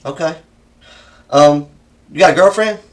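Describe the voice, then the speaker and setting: A man's voice: fairly high pitch, unhurried, distant mic. A man with a Southern US accent questioning someone as a police interrogator, persistent, probing and folksy, often repeating answers back as questions.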